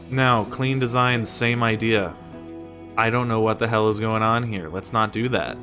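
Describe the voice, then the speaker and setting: Man from the US, fairly deep voice, conversational explainer, exasperated rhetorical questions, background music. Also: steady tone, moderate pace. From United States. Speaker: streamer and teacher giving presentation tips. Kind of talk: casual explainer commentary.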